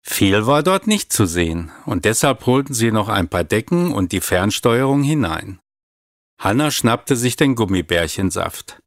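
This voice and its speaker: A man calmly reading a children's story aloud. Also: lowish voice, unhurried, dry recording, clean studio sound. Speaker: narrator.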